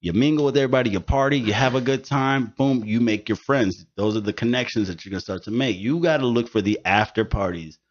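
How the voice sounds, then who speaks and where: A man's voice: mid-range voice, fast talker, few pauses. A man in his thirties hosting a podcast, telling stories in casual, profane, emphatic chat. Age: 30s. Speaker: podcast host. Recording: dull lo-fi studio recording.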